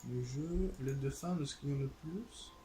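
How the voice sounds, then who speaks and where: During a let's play, a gaming channel host with a Québécois French accent muses hesitantly about his game, using lots of fillers. His voice is mellow and medium-pitched at a normal speed, with slight background noise.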